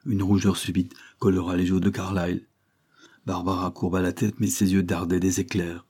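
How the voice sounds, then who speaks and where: A man narrating a classic novel as an audiobook, in a steady, even reading. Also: low voice, normal speed, breathy edge. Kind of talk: scripted narration.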